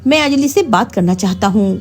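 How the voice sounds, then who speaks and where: A woman's voice: medium pitch, animated, a little fast, darkish tone, natural voice. Young husband, read by a woman, earnest. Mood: upset. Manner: pleading, earnest.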